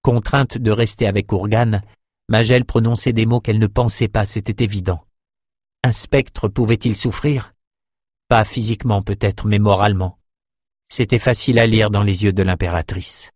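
A man narrating a fantasy novel in a steady, measured audiobook reading. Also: fairly low pitch, no echo, clean studio sound.

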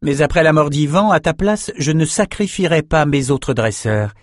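A man's voice: a little high, expressive, normal speed, no echo, studio quality, voice pushed up, close to an everyday voice. A man reading an audiobook voices a scornful nobleman who mocks his rival. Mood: mocking. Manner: sneering, amused. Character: Maxime, a mocking scornful nobleman.

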